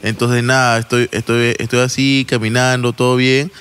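A man's voice: medium pitch, flat delivery, normal speed, fairly bright tone, smooth. A man with a Lima Peruvian accent telling a long, rambling story in casual chat, full of slang, swearing and restarts. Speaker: podcast storyteller.

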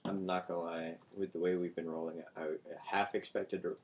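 A woman's voice: very deep voice, level tone, normal speed, muffled recording, background noise. A woman playing a tabletop game, joining in teasing, joking banter with her friends. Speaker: player. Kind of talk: casual tabletop game chat.

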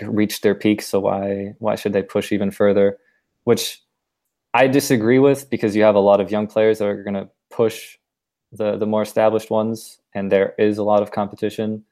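A man with a German accent, a podcast co-host talking through sports analysis in a relaxed, thoughtful way. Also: fairly low pitch. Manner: thoughtful, explains at length with restarts. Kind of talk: casual sports discussion.

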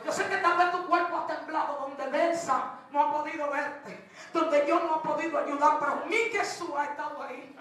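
A woman preacher, delivering a fervent sermon that swings between shouting and hushed testimony. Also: high-pitched, moderate pace. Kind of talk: Pentecostal-style sermon. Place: large church hall. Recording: very echoey hall, distant mic, congregation.

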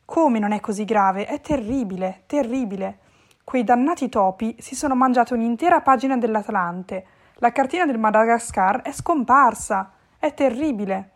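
A woman voicing a fussy, bookish male cat who is easily dismayed and repeats himself excitedly. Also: moderate pace. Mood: distraught. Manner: excitable, repeats words, rises sharply in pitch.

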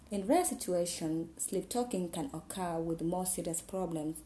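A woman's voice: fairly low pitch, warm tone. A woman presenting an informal explainer, partly reading and partly musing, often stumbling over and repeating her words. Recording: echoey, roomy sound.

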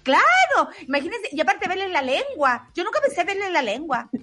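A shrill, fussy older spinster who works as a civil servant, put on by a woman, with a Chilean accent and a very high voice. She talks in a prim, indignant way, her pitch bouncing all over. Faint music plays behind her. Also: big pitch swings, fairly quick. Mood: disgusted. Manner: prim, indignant, asks "¿ah?" a lot. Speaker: radio comedy character.

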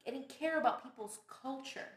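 A woman from Brooklyn, a podcast guest telling stories in casual, animated chat. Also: high-pitched, fairly quick. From Brooklyn, New York. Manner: animated storytelling, laughs often. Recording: roomy echo.

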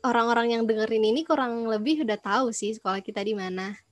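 A woman's voice: on the high side, quick pace, no room sound. A teenage young woman, chatting in an informal, agreeable way as a podcast co-host. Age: teens. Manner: agreeable, informal, slang with English fillers. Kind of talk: casual podcast chat.

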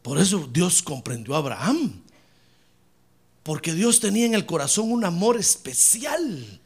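A male preacher delivering a fervent sermon, bursting into shouted praise and mixing in humorous asides. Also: sits high, sing-song, a little slow, slightly rough.

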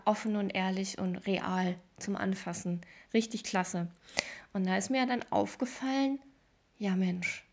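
A woman's voice: mid-range voice, gravelly. A woman hosting a motivational podcast, talking casually and emphatically straight to the listener, with playful exaggeration. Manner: casual and chatty with fillers. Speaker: podcast host.

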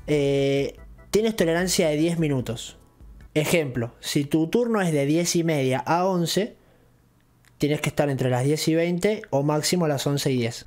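A young man with an Argentine accent, casually telling a long, rambling story and acting out what people said. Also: a little high. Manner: rambling, animated retelling with acted quotes. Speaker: channel host.

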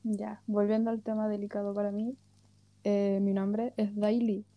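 A woman's voice: medium pitch, flat delivery, normal speed, no room sound, muffled recording. A woman in her early twenties with a Chilean accent, co-hosting a casual podcast with jokes and frequent laughter. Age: 20s. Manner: joking, self-mocking, laughs often. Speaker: podcast co-host.

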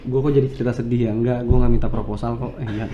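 A man's voice: mid-range voice, little pitch movement, quick pace, lo-fi sound. A man from Java hosting a casual chat interview, joking in slangy talk and laughing often. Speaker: host.

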